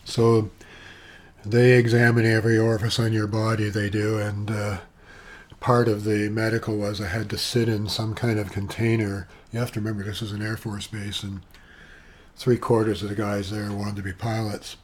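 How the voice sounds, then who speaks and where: Seated at his home computer, a gentle-voiced Canadian man in his seventies wanders through a video monologue, eccentric and talkative, with plenty of fillers and side remarks. The voice is lowish and level in tone at a moderate pace, captured by a webcam with outside sound gear.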